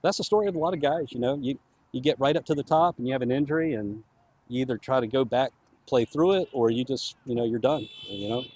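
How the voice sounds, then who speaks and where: A man's voice: medium pitch, fast talker, darkish tone. A man giving casual, chatty live commentary on a soccer match for the home club. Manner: chatty, easygoing, laughs easily.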